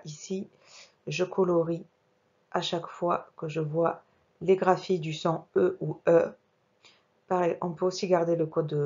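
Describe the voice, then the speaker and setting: Slow, careful woman teaching young children. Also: lowish voice, warm tone, breathy edge, dull audio. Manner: slow, careful, articulating each sound; talks while working the mouse on screen. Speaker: primary school teacher. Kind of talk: remote reading lesson for young children.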